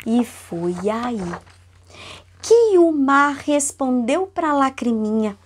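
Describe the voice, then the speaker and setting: High-voiced mom telling a story. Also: female voice, slow, a little hiss or hum. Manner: animated, asking the child questions. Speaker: mother. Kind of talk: reading a story to a baby.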